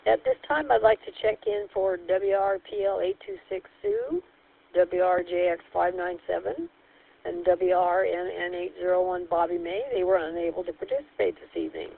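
Over a two-way walkie-talkie, a woman runs on-air radio check-ins as net control host, working through call signs in a cheerful, formal radio manner. Her lowish voice is animated, creaky and husky at a moderate pace. The channel is tinny and narrow with faint hiss.

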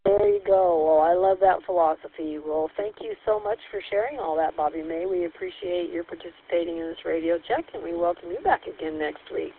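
A woman hosting a radio net check-in, heard over a two-way radio, speaking in a friendly, measured way with hesitant fillers. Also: lowish voice, slightly rough. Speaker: net control host. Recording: tinny two-way radio with faint static.

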